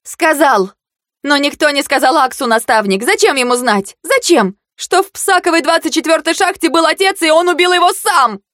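A woman's voice: on the high side, animated, normal speed, dry recording, clean studio sound, lightly acted. Woman voicing a hot-tempered young sorceress. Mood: furious. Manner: shouting, pleading.

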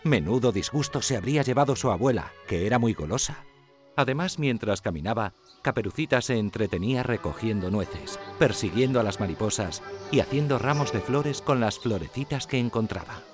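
A man narrating a fairy tale with an expressive storytelling lilt. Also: mid-range voice, a little fast, soft background music.

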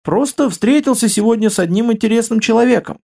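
A man's voice: very high voice, fast talker, gravelly, a little mellow, voice pushed up, heavily acted. A male reader plays a retired mercenary major, an older husband who grumbles and dodges questions in a dry, tired voice. It stays close to the reader's own voice. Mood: defensive.

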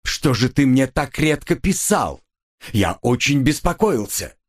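A man's voice: mid-range voice, big pitch swings, unhurried. A man voicing a scheming young con man who talks in a gushing, falsely affectionate way, as an audiobook figure. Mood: fawning.

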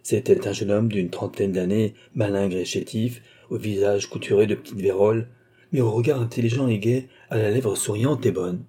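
A middle-aged man reading an audiobook as narrator, in a measured, steady way. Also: fairly low pitch, slightly rough. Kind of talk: scripted narration.

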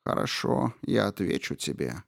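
A man voicing an old witch who was once a fairy queen, bitter and guarded, in a hushed, slow, menacing tone for an audiobook. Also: on the low side, lively intonation, gravelly, dry recording, studio quality. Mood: guarded, weary. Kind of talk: audiobook character reading.

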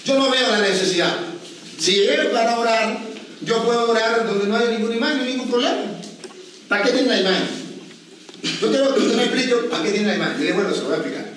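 A priest with a fairly high voice, preaching from a distance in a very echoey hall with faint room noise behind him. He tells his stories lively, acting out each person's voice. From Venezuela. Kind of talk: preaching with storytelling.

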